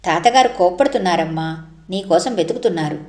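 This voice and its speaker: A woman's voice: lowish voice, animated, fairly quick, a little mellow, natural voice. Woman doing worried servant guy, respectful, storybook reading, echoey room. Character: young male servant, a loyal cart helper.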